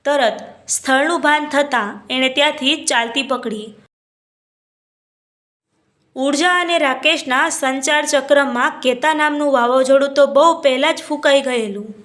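High-voiced woman narrating a story. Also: unhurried, fairly bright tone. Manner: reads every character's lines in her own voice.

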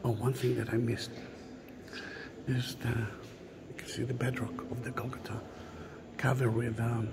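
Middle aged guy doing a slow walking tour in a big stone church, gravelly, murmurs and whispers a lot, noisy camera audio. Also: medium pitch, flat delivery. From Israel. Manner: unhurried, musing, often drops to a hushed whisper. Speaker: tour guide. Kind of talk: walking video tour narration. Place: large stone church interior.

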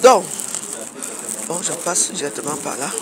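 A woman's voice: low voice, lively intonation, unhurried, background noise. Woman vlogger, combative scolding tone, filmed walking outdoors with faint birdsong behind. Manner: combative, scolding with rhetorical questions. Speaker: social media commentator. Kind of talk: casual vlog rant.

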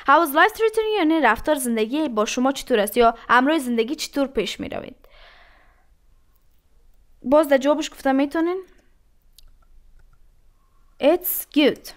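High-pitched woman, teaching english, says each phrase slow then explains it. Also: lively intonation. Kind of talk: language lesson.

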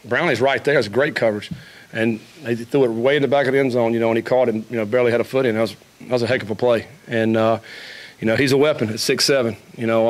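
A middle-aged man, a head football coach, answering questions at a post-game press conference, with frequent restarts and fillers. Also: mid-range voice. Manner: fast, even-toned, frequent restarts and fillers. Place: press conference room with a logo backdrop. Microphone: table microphone.

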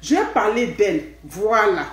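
A middle-aged woman with an Ivorian French accent chats with her live-stream viewers from home. She talks in a lively, familiar way and keeps checking in with a questioning "hmm?". Her voice sits at a middle pitch and bounces around an echoey room. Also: normal speed. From Ivory Coast. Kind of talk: casual live chat.

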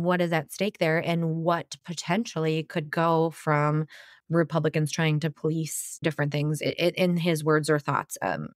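A woman's voice: on the low side, no echo. Dry-voiced woman co-hosting a political podcast. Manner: conversational, quick asides and restarts. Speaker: podcast co-host. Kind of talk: casual political chat.

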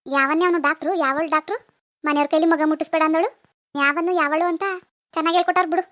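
A woman's voice: high-pitched, fairly even intonation, rapid-fire, a bit bright. A woman doing a huffy old village granny. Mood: aggrieved. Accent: rural Kannada village dialect. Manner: grumbling, sarcastic village speech. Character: scolding, easily offended old grandmother. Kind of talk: cartoon voice acting.

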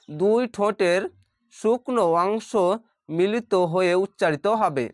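A teacher giving a careful pronunciation lesson, explaining where each sound is formed and repeating it aloud slowly. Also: mid-range voice, no room sound, clean studio sound. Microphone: facing the camera.

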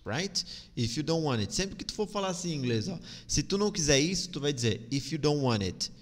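A man's voice: a little high, very animated, a little fast, in a large hall. A Brazilian man teaching English in a live online lesson, patiently repeating phrases and drilling pronunciation with a Brazilian Portuguese accent.

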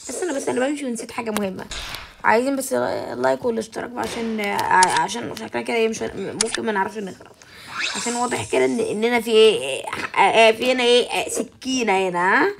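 A woman with an Egyptian Arabic accent hosts a let's-play, talking back to the game in a chatty, excitable way. Her voice sits a little high and has a gravelly edge, and she speaks very fast. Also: slight background noise. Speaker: gaming channel host. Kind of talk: let's-play gaming commentary.

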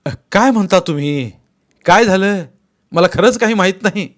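A man voicing a bewildered man who protests his innocence, flustered and pleading in a high, strained voice. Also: expressive, normal speed, fairly bright tone.

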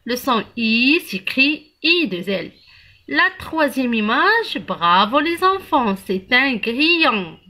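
Female early-reading teacher, slow deliberate spelling and frequent praise, high bright tone. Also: sing-song. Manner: slow, spells out letters and syllables, praises the class. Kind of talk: early reading lesson for young children.

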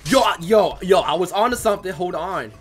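A man doing let's play commentary, excitable and yelling at the game. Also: sits high, a little fast, soft background music. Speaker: gamer.

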